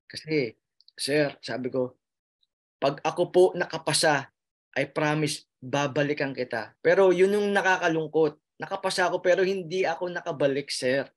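In an emotional interview, a Filipino man who passed the nursing licensure exam shares his story in a fairly high voice at a moderate pace. His Filipino accent comes through as he talks earnestly, with many fillers and restarts and frequent use of sir for the host.

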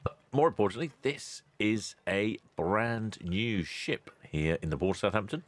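Host VO: very low male voice, casual and wry, cheery sign-offs. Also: a little slow. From England. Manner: chatty, dry asides, loud cheery greetings. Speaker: ship-spotting channel host. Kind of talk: relaxed voice-over narration.

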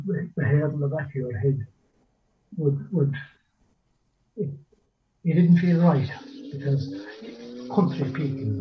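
An older man with a rural west of Ireland accent, telling folk tales as a lilting, rambling storyteller who repeats himself and pauses, over a video call. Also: medium pitch, a little hiss or hum. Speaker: folklorist and storyteller. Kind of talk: oral folk storytelling in casual speech. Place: small dim room at home, indoors. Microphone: computer mic on a video call. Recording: muffled, phone-like video call audio.

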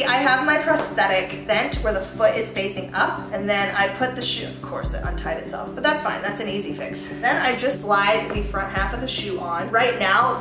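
A woman's voice: on the high side, roomy sound, poor audio. A woman in her twenties chatting casually in a how-to vlog at home, bubbly and playful with asides to the viewer. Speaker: YouTube vlogger. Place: home living room, seated on the floor.

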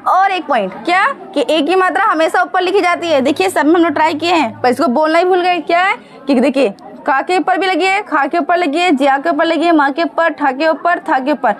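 High-pitched woman teaching young children. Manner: patient, slow and drawn-out sounding of syllables, asks the children questions. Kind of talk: children's Hindi lesson.

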